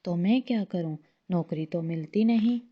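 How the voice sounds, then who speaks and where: A woman's voice: lowish voice, normal speed, natural voice. A woman voicing a lazy, boastful male drake husband in a slightly dull lo-fi recording. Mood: lazy boasting.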